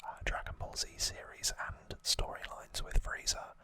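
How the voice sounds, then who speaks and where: The ASMR creator and host keeps things low-key, whispering softly the entire time. It's a recap given in an explanatory, unhurried, informal way, using a quiet unvoiced whisper.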